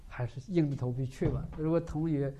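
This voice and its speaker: A man preaches in a lively, story-driven way, throwing rhetorical questions at his listeners. His voice sits a little high for a man yet sounds mellow and warm. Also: brisk. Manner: animated, frequent rhetorical questions. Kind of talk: sermon with storytelling.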